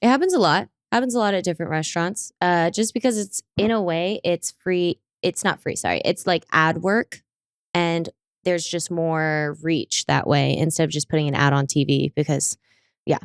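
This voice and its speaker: A young woman co-hosting a podcast, telling restaurant stories in a lively, animated way and acting out the people she quotes. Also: fairly low pitch, moderate pace, clear, resonant tone, dry recording, clean studio sound. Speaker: podcast co-host. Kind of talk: casual chat.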